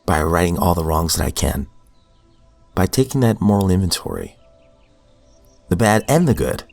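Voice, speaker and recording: A low-voiced man with vocal fry and a slightly mellow tone hosts a daily recovery reading podcast, speaking at normal speed but very animated as faint music plays behind him. He reads passages aloud, then reflects on them earnestly, with fillers and restarts. He sounds sniffly from a cold.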